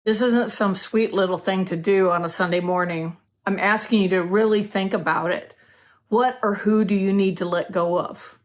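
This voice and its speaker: A woman minister speaking in a direct, measured way during a worship service. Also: mid-range voice, fairly even intonation. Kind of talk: sermon.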